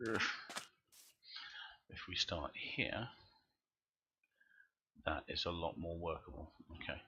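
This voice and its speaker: A deep-voiced man rambles through live commentary as he plays, chatting to his viewers while he works. His tone is bright and forceful, and he thinks aloud in loose, wandering sentences. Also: measured pace, creaky, slightly rough, dull audio. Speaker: game streamer.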